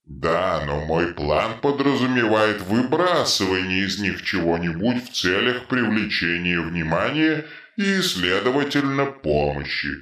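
Big brainy troll guy, done by a man, low and super slow, talks like a professor, echoey room. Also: sing-song, fairly bright tone. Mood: pedantic. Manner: slow, measured, pedantic speech. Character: huge male troll, suddenly brainy and precise.

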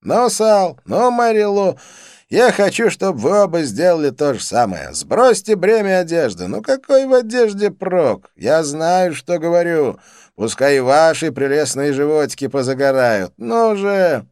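A frenzied, excitable young man bursts out in a raised, loud voice and giggles, put on by a male reader. His pitch leaps around. The audiobook recording is close and dry. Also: unhurried, no echo. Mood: exuberant urging.

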